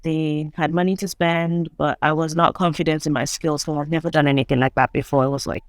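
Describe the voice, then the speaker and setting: A woman from Nigeria, a guest on a video call, telling her story in a relaxed, chatty way. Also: deep voice, a little fast, no echo, studio quality. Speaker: guest entrepreneur. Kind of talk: casual interview.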